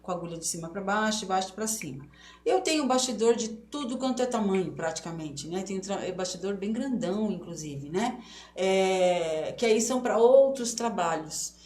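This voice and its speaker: Her voice is mid-range, expressive and a little mellow, at normal speed. A chatty middle-aged woman, she leads a live online embroidery class, breaking each stitch into steps and checking in with "tá certo?" over a roomy echo and faint noise.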